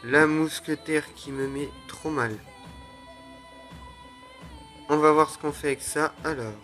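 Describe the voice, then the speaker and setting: Excitable French gaming commentator, faint music. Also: male voice, on the high side, moderate pace. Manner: excitable, groans and exclaims at each play. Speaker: gaming YouTuber. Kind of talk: live mobile game commentary.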